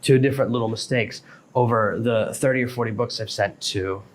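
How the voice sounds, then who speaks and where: In a brisk, mid-range voice, a self-employed author hosts a podcast monologue, calmly explaining practical advice stage by stage. A slight hiss or hum can be heard.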